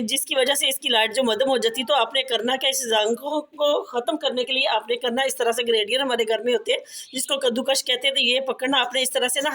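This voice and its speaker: A woman with a Pakistani Urdu accent, a home cooking and tips vlogger, speaks in a high-leaning, fairly bright voice against slight background noise. She has a cough and sore throat as she gives a relaxed kitchen how-to, repeating herself chattily and often addressing viewers as ji.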